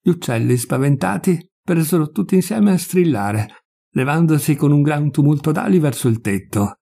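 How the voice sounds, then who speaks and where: A man narrating a literary short story in a measured, expressive way. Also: fairly high pitch, creaky, breathy edge. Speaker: audiobook reader.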